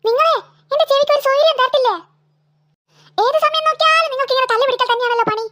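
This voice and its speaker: A woman's voice: very high voice, fast talker, pushed and bright. A woman voicing a weary cartoon mother who keeps scolding her two quarreling daughters, in a nagging, exasperated way. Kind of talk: cartoon voice acting.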